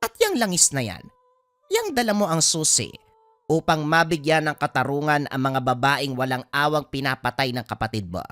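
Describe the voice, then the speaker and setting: A woman's voice: very animated, moderate pace, a bit bright. A woman voicing a stern old grandmother, a former witch, in a dramatized horror story. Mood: grave, stern. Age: older. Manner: stern, sweeping swings of pitch.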